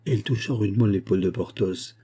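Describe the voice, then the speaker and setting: A man narrating a classic novel as an audiobook, in a measured, even storytelling manner. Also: lowish voice, husky. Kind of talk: scripted narration.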